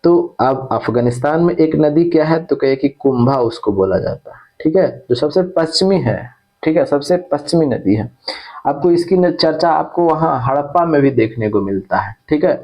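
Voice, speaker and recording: A man's voice: on the high side, expressive, normal speed. Man teaching exam prep, lo-fi sound. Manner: repeats key terms, checks with "ठीक है".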